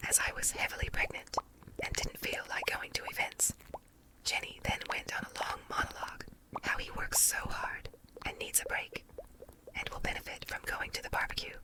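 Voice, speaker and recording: Woman in a doubled, layered whisper. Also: rough recording. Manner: soft unvoiced whisper throughout. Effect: layered, doubled whisper track. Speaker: story narrator. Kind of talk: whispered ASMR story reading.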